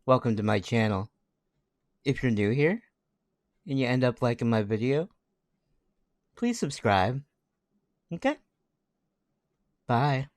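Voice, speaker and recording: Gravelly-voiced man in a casual let's-play. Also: medium pitch, no echo. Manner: rambling and jokey, reading game lines aloud. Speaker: gaming channel host.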